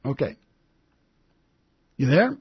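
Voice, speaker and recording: A man's voice: medium pitch, big pitch swings, slow pace, slightly rough, dry recording. A man hosting a call-in radio show, brusque and impatient, cutting callers off. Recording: dull lo-fi radio broadcast.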